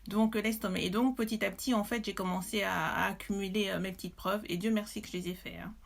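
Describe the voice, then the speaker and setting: A Belgian mother gives a personal testimony to camera, emotional and indignant, hesitating often as she tells her story. Her voice is medium-pitched, steady and gravelly, and she talks fast.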